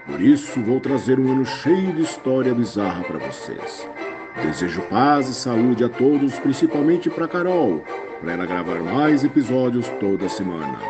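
A man's voice: very animated, close to an everyday voice. A man voicing a jolly old Santa Claus who greets listeners with hearty ho-ho laughs. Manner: booming ho-ho laughs, slow warm greeting. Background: music.

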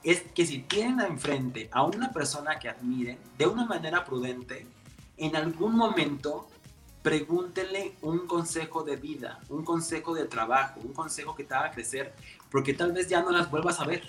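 A man with a Mexican accent, a makeup artist telling stories in a casual, lively interview. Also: on the high side, normal speed, faint music behind. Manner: animated, expressive, many fillers.

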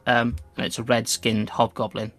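A man's voice: mid-range voice, monotone, normal speed, a bit bright, faint music behind. A man acting as game master, casually narrating a tabletop game.

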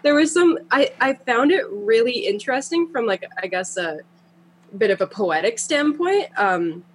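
A young woman from Canada, a singer chatting as a guest in an interview, talkative and quick to laugh. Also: fairly high pitch, big pitch swings, slight background noise. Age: young adult. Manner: chatty, laughs often, trails off. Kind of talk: casual interview chat.

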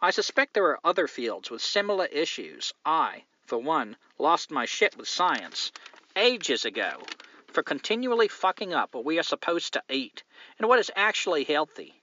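A man's voice: fairly high pitch, very animated, moderate pace, pushed and bright, dry recording, lo-fi sound, heavily acted. A man voicing a woman listener from New Zealand in a put-on mock Australian accent, reading her letter aloud. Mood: opinionated.

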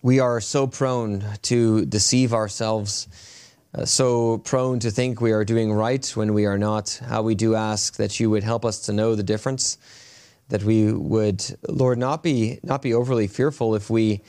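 A man pastor speaking at a pulpit microphone in a church, reading scripture and praying in an earnest, measured way, with halting fillers in his prayer. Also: on the low side, fairly even intonation, darkish tone, clear, resonant tone. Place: church sanctuary, indoors.

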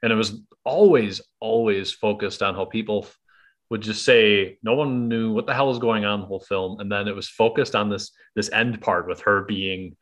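A man's voice: fairly low pitch, steady tone, normal speed, fairly bright tone. A man in casual chat about a film, wry and profane, breaking in with asides. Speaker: podcast co-host.

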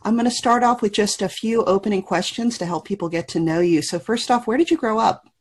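Friendly woman podcast host, husky voice. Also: medium pitch, brisk. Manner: warm, scripted introduction then friendly questions. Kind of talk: podcast interview.

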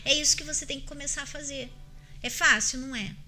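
Earnest Brazilian woman, high bright voice. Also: fairly even intonation, quick pace, faint music behind. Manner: earnest, emphatic, addresses listeners directly. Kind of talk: faith-based advice chat.

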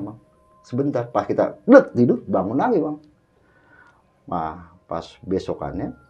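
A man with a lowish, slightly rough voice is a guest casually recounting a vivid, dramatic personal story. He constantly addresses the host as "Bang." The sound is dull and lo-fi, and faint music plays underneath.

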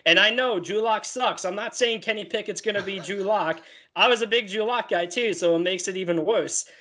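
A man co-hosting a casual football talk, self-deprecating and quick to laugh at himself. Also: high voice, sharp tone. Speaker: co-host analyst.

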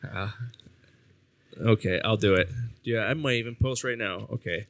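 A man's voice: lowish voice, moderate pace, fairly bright tone, dry recording. A man co-hosting a podcast, chatting casually, joking and mocking himself. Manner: joking, self-mocking, laughs often. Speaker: podcast co-host. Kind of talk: casual chat over drinks.

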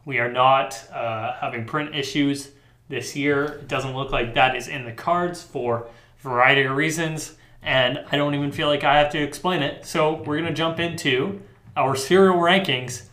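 A young man co-hosting a casual sports podcast, easygoing and quick to laugh. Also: on the high side. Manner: relaxed, easygoing, laughs often. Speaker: podcast co-host. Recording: roomy echoey sound.

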